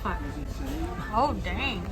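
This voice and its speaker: A woman's voice: mid-range voice, animated, extremely slow. A young woman vlogging casually to camera while she travels, chatty and upbeat. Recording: loud crowd and music behind. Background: crowd chatter and music.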